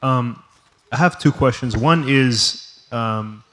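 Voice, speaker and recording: A man's voice: mid-range voice, slow, a bit bright. A man in the audience at a mosque gathering asks his questions casually, saying "like" often. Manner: casual, says "like" a lot. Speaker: audience member. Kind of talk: asking a question at a community Q&A. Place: mosque hall.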